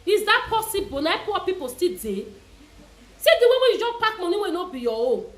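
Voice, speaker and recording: A woman's voice: extremely high pitch, big pitch swings, brisk, roomy sound. A woman speaking Nigerian Pidgin English, a vlogger lecturing her subscribers about a hotel theft in a scolding, preachy way. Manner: scolding, preachy, then affectionate. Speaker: vlogger commenting on a viral video. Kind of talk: casual commentary to subscribers.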